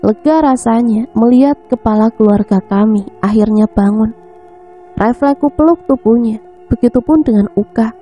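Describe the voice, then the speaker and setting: A woman's voice: fairly high pitch, moderate pace, warm tone. A woman narrating a first-person horror story in an emotive, tearful dramatic reading. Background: faint background music.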